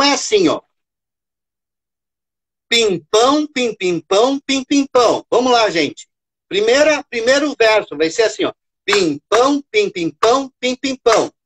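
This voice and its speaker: Slow, patient Brazilian teacher woman. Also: medium pitch, husky. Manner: slow, patient, repeats "tá?" and counts syllables aloud. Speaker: teacher presenting a workshop for teachers. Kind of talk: live online teaching session.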